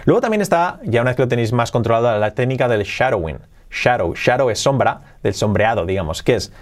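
Male podcast English teacher, mid-range voice, explanatory classroom delivery with slow drilled examples. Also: mid-range voice, animated. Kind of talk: Spanish-language English lesson.

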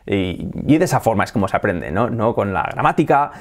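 A man from Spain with a Spanish accent, teaching English in a video lesson to camera, jokey and animated, imitating good and bad English pronunciation. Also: lowish voice, a little fast. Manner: animated, jokey, often laughs at own examples; imitates mispronounced and native English for contrast.

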